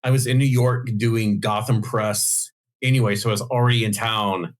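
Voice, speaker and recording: A man's voice: lowish voice, fairly even intonation, moderate pace. A man, a comic book writer, chatting on a podcast and telling long, rambling stories full of fillers and restarts. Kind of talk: casual podcast chat.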